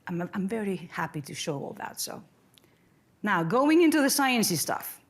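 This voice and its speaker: A woman's voice: mid-range voice, very animated, normal speed. A middle-aged woman from Greece giving an academic seminar talk in a conversational, friendly way, with fillers and restarts, at a podium in a lecture room. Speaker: seminar speaker, professor.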